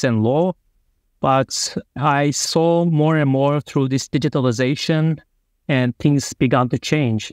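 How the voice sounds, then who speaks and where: A man's voice: medium pitch, dry recording. Turkish-accented man, dry close sound. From Turkey. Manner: earnest, loosely phrased non-native English. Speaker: guest. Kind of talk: remote interview.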